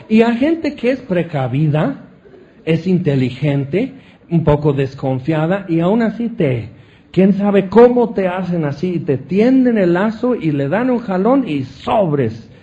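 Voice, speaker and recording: Mexican male preacher, chatty sermon, slightly high, dull lo-fi sound. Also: sing-song, a little slow, dark tone. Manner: chatty, asks the audience questions. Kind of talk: conversational sermon with anecdotes. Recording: dull lo-fi recording.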